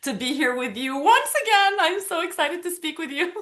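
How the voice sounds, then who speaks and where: A woman from Lebanon whose first language is Arabic, speaking earnestly and warmly as an interview guest. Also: high voice, lively intonation, normal speed. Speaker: guest, pageant titleholder. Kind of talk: casual interview conversation.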